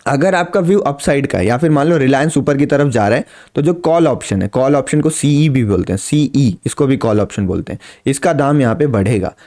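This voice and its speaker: A man's voice: on the high side, a little mellow. A man teaching beginners, explaining patiently and repeating his points with simple everyday examples. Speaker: trading teacher. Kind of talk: explanatory lesson to camera.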